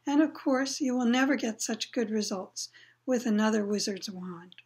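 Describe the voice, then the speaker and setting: A woman voicing an eccentric old male wandmaker, fussy and eerie, moving from low murmurs to excited cries. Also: moderate pace, close to an everyday voice. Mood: hushed, intent.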